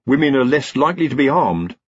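A jittery, wry wizard from a comic fantasy audiobook, voiced by a male narrator, husky and talkative, his pitch jumping about as he talks his way around trouble. The sound is dry and slightly dull. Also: very animated, fast talker, no echo. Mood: nervous. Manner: chatty, evasive and wryly anxious. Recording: slightly dull, muffled recording.

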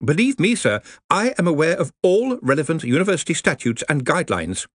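A man's voice: fairly high pitch, big pitch swings, a little fast, fairly bright tone, dry recording, voice pushed up. A man voicing a nervous, pedantic young wizard who speaks precisely and deferentially. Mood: fussy.

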